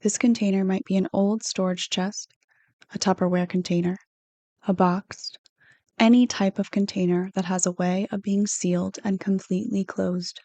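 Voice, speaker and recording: Reading from a script, this woman guides a meditation the way a counselor might, her tone mellow and calm. Her pitch stays even and her pace unhurried as she offers soft instructions. There's no room echo; the sound is intimate and dry.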